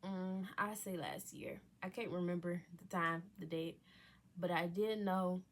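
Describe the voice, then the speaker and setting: A woman's voice: on the low side, unhurried, a little hiss or hum. A young woman casually telling a personal story, candid and profane, dropping into whispers for asides. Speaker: vlogger telling her surgery story.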